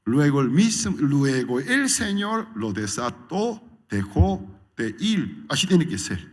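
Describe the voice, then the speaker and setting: A man preaching a sermon as pastor, acting out scenes with sudden loud, high-pitched voices. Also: sing-song, slow, long reverb tail.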